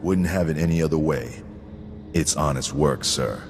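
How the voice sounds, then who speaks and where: A man with an extremely low voice speaks at a moderate pace, acting as a stoic, dutiful veteran sergeant in a video game. His delivery is clipped and formally military. The recording has the reverb of a large hall, with music playing behind him.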